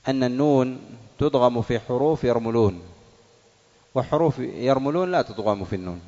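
A man teaching the rules of Quran recitation to a class. He stretches out example words slowly, repeats them, and quizzes his students. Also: medium pitch, mellow. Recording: dull audio in a reverberant hall.

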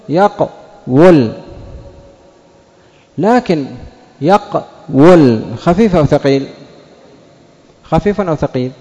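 A man gives a grammar lesson in a mellow, somewhat high voice. He puts questions to the class and answers them himself, drawing out each example word slowly. The sound carries a long reverb, as in a large hall. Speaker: Arabic grammar teacher. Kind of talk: classroom lesson on Arabic morphology.

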